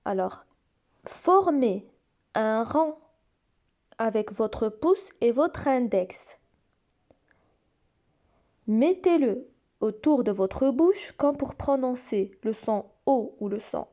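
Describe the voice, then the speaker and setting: A woman teaching young children to read, sounding out each syllable slowly and repeating it. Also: high-pitched, warm tone, highs cut off. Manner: slow, deliberate, repeats and stretches each sound. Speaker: reading teacher. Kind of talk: slow phonics lesson for young children.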